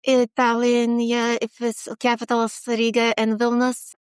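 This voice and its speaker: Earnest interview guest: a woman in her forties with a Lithuanian accent, smooth and crisp in tone, recorded close and dry. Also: a little high, monotone, dry recording. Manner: earnest, talks in quick bursts with restarts. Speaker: guest, HR consultant. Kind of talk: casual interview talk.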